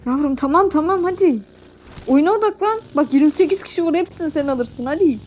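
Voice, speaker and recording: A woman's voice: sits high, animated, a little fast, darkish tone, slight background noise. A woman co-player teasing her partner playfully in casual chat during a game.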